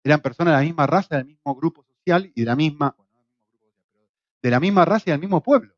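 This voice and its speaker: A middle-aged Argentine man with an Argentine Spanish accent teaches a lively church Bible class, using rhetorical questions and jokes. His fairly high voice races along, and the recording sounds dull, lo-fi, and dry.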